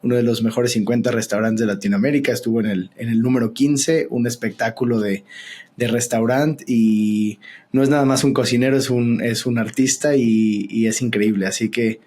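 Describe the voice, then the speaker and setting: Male podcast co-host, husky, mid pitch, casual explainer. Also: steady tone, normal speed, darkish tone. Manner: friendly, explaining things to listeners.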